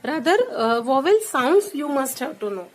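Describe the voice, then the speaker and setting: A high-voiced woman teaching a class, drawing out each word very slowly. She explains things patiently, step by step, and keeps asking "okay?" to check the students are following. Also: big pitch swings, slight background noise, poor audio. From India. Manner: slow and deliberate in English, much quicker when switching to Hindi. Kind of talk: classroom lesson.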